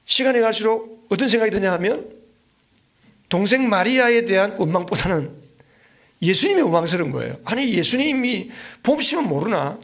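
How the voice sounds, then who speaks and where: A man with a notably high voice delivers an evening worship sermon as a visiting pastor. He tells the story in a lively, vivid way and keeps asking the congregation rhetorical questions. Short thinking fillers break up his phrases. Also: moderate pace. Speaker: guest pastor.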